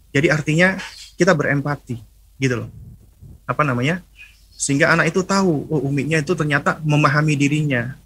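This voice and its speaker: A man's voice: fairly high pitch, a bit bright, a little hiss or hum. A middle-aged man giving a religious lecture on parenting. He explains in a teaching tone, asks questions and answers them himself, and now and then acts out a mother talking to her child. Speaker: Islamic preacher.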